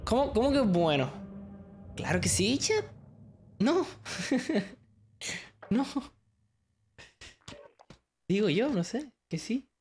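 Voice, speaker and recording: A young male streamer talks loosely to his chat while he plays, rambling from one thought to the next and laughing often. He mixes in English slang. The mic carries steady background noise and the click of game sounds. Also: high voice, takes it slowly, pauses often. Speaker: gaming streamer. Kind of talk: casual live-stream chat with viewers.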